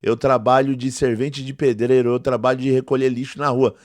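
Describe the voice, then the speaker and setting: Flat in delivery, medium in pitch and a little fast, a man in his forties speaks in a dry recording. As a theology teacher, he addresses a critic straight to camera in a response video, indignant, emphatic and repetitive.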